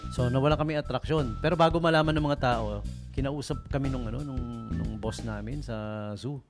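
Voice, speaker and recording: A man's voice: mid-range voice, normal speed. A man hosting a radio show, telling jokes in a playful, teasing way and chatting with listeners. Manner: playful, teasing joke-teller who chats with listeners. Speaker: radio DJ host. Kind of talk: joking storytelling on late-night radio. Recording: radio broadcast with a music bed.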